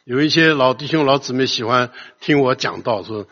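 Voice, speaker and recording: Older man, sermon, loud emphatic preaching, gravelly husky voice, long hall reverb. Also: medium pitch, moderate pace, highs cut off.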